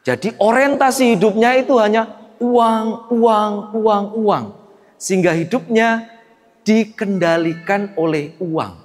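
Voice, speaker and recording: A priest giving a sermon, telling stories with acted dialogue and swinging between loud and soft. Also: male voice, high-pitched, measured pace. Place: church. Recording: echoey church hall.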